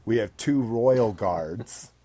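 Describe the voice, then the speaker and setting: A male podcast host with a low, dark voice and an unhurried pace. He rambles casually about his hobby and swears freely. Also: no room sound.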